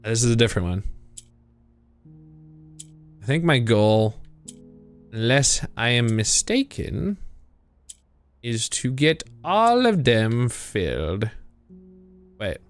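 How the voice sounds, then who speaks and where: A man's voice: mid-range voice, sing-song, slow pace, pauses often, soft background music. A young man streaming a puzzle game, thinking aloud in a chatty, giggly way. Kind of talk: live gameplay commentary.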